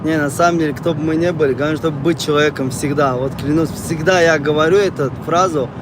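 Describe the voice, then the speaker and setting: A Tajik man livestreams, rambling casually with viewers and repeating phrases, his fairly high voice quick and steady. Street or car noise fills the background of this noisy outdoor recording.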